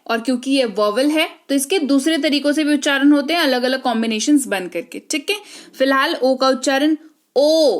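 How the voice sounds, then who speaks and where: Slow, high-voiced woman teaching phonics. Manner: slow, drawn-out example words, frequent "ठीक है". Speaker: English teacher. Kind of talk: phonics lesson.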